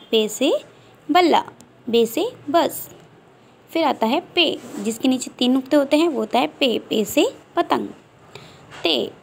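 A woman teaching a nursery class online, slowly drilling letters one by one for small children and mixing English with Hindi-Urdu. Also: sits high, vocal fry, a little hiss or hum.

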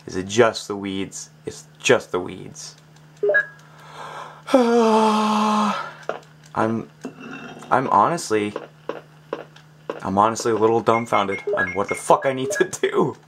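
A man's voice: lowish voice, big pitch swings, takes it slowly, pauses often, fairly bright tone, slight background noise. A man commentating his own gameplay, frustrated, swearing often and talking to himself as he works through puzzles. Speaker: gaming channel host. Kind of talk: let's play commentary.

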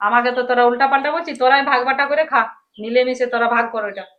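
A woman's voice: high-pitched, fairly even intonation, rapid-fire, lo-fi sound, close to an everyday voice. A woman playing a stingy village mother. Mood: defensive. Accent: Manbhum Bengali. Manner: defensive, brushes off blame. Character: stingy village mother favouring elder son-in-law. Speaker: mother of two daughters. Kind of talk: amateur village comedy drama.

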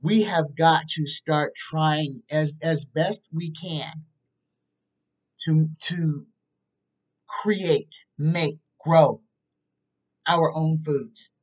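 A woman in her fifties talks slowly to her webcam from a small room at home. She is emphatic and keeps checking in with "okay?" as she makes her points. She sits a little back from the mic. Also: deep voice, far from the mic, low-quality recording. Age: 50s. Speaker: psychic tarot reader. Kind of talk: casual talk to camera. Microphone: webcam at desk distance.

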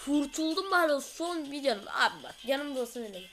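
A high-pitched woman gives lively gameplay commentary. She is excitable and chatty, throws out sudden exclamations, and keeps addressing her viewers. Soft music plays faintly underneath. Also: fast talker. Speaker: gaming channel host.

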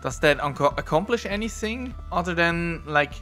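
A man's voice: fairly high pitch, lively intonation, normal speed, bright, forceful tone, soft background music. A man giving casual commentary on a first playthrough, rambling and self-deprecating as he reads on-screen text aloud. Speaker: let's play gamer.

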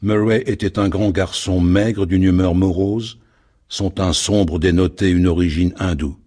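A man narrating a dramatic story in an expressive, theatrical reading. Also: sits low, measured pace.

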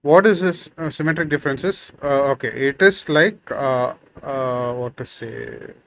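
At a measured pace, a slightly bright, medium-pitched man in his thirties gives an informal coding lesson by sharing his screen from a small room. His first language is Tamil, and he talks through his thinking with frequent fillers; there's slight background noise.

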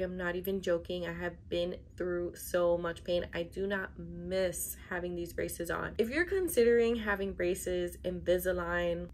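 A woman's voice: mid-range voice, a little hiss or hum. A young woman speaks in a mid-range voice, casual and chatty like a vlogger talking straight to her viewers. She stresses her points emphatically in a complaining way. The recording is made in a bedroom, a short distance from the camera. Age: young adult. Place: bedroom, indoors.

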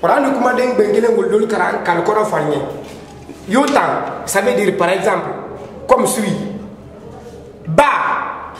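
High-voiced man teaching in an echoey hall. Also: moderate pace. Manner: repeats and rephrases points, switches between French and Maninka. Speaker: literacy teacher. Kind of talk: explanatory lesson. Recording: very echoey hall with faint noise.

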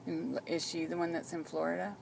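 A woman speaks casually and reassuringly in a voice full of vocal fry. She explains things simply, like a caregiver, recorded inside a car with clear background noise. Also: fairly low pitch, little pitch movement, brisk. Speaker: caregiver filming a patient. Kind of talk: casual chat.

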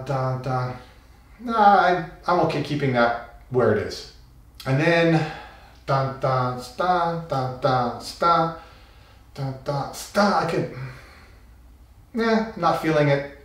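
A man teaching a taiko solo, thinking aloud and vocalizing drum rhythms as he works. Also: on the high side. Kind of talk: instructional talk. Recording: very echoey room, mic far off.

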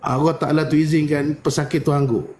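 A man's voice: fairly quick, a little hiss or hum. A man, a spiritual healer telling a story in casual live-stream chat and acting out the dialogue with big jumps in his voice. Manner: animated, acts out dialogue with big pitch jumps.

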